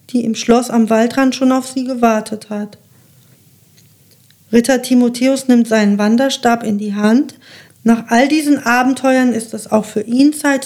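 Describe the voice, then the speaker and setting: Calm woman reading a children's story. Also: on the high side.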